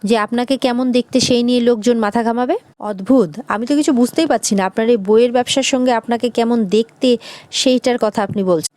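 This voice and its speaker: A woman's voice: a little high, fairly even intonation, a little fast, darkish tone, no room sound, close to an everyday voice. A woman voicing an impatient schoolteacher who answers curtly and sarcastically. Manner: curt, sarcastic.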